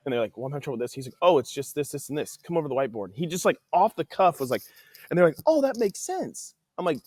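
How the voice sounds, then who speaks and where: A man who is an athletic trainer and podcast guest, telling stories in a casual, animated way and acting out quoted dialogue. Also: on the high side, racing, no room sound, studio quality. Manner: animated, acts out quoted dialogue, says "dude" often. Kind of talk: casual conversational storytelling. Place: podcast studio.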